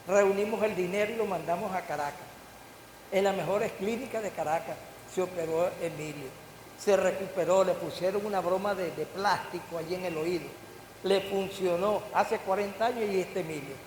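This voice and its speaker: With a high-sitting, slightly mellow voice and a moderate pace, an older pastor delivers his sermon, asking the congregation questions and rising into sudden bursts. The recording carries the church hall's echo and a faint hiss.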